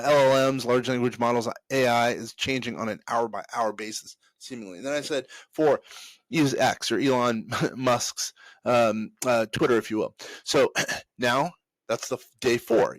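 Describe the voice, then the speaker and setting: A man of middle pitch talks straight to his listeners, giving business tips in a loose, chatty way. He restarts his sentences often and scatters fillers as he goes. The sound is dry and close, with no room echo. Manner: conversational, rambling with many restarts and fillers. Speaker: host. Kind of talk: casual advice talk to camera.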